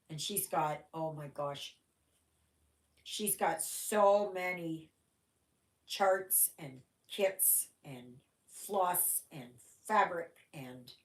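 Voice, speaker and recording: Her voice sits lowish and carries a lot of reverb. Originally a German speaker, the Canadian host rambles casually through a stitching livestream, peppering her talk with "oh my gosh".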